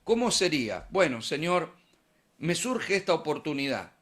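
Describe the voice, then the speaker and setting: A man's voice: a little high, sing-song, moderate pace, a bit bright. Man preaching in Argentine Spanish. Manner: conversational preaching, asks and answers his own questions. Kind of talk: sermon.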